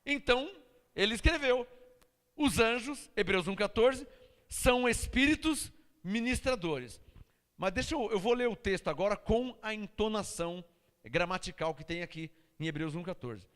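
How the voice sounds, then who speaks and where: A man's voice: high voice, fairly bright tone, big-room sound. A man preaching a sermon to a congregation, asking them to answer back and repeat after him. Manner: preaching with call-and-response questions to the congregation. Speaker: pastor.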